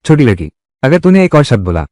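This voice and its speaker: A man's voice: medium pitch, sing-song, fast, darkish tone, dry recording, clean studio sound, natural voice. A man voicing heated, scolding family quarrels in dubbed drama dialogue. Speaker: voice actor dubbing a village family drama.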